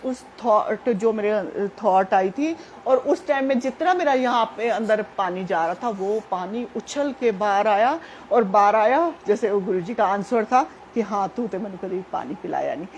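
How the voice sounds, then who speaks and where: A woman's voice: on the high side, animated, unhurried, few pauses, darkish tone, a little hiss or hum. A woman gives a devotional testimony, telling her story earnestly and speaking directly to her listeners. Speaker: devotee sharing a personal testimony.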